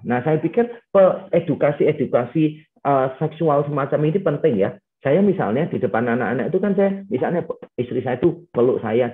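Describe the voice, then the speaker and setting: A middle-aged male pastor giving a casual teaching talk in a webinar, chatty and sprinkled with English phrases. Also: medium pitch. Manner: conversational, mixes in English phrases, frequent "gitu" fillers. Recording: tinny phone-like webinar audio.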